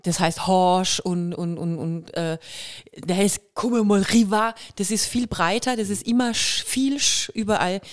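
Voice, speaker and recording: Speaking at a measured pace and medium pitch, this woman is an actress and singer from Kirrlach, close to Waghäusel in Germany. She tells stories as a guest in a casual podcast chat, her speech lightly colored by Kurpfalz dialect, and she mimics dialect sounds with lively flair.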